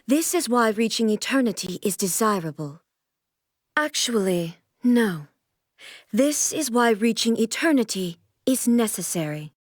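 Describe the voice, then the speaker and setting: Game role: imperious immortal female shogun, formal and stately, fairly high voice, dry close recording. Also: animated, no room sound. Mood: solemn, commanding. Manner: formal, stately, measured, archaic diction. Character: regal, aloof immortal female shogun commanding thunder. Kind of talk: scripted video game character voice lines.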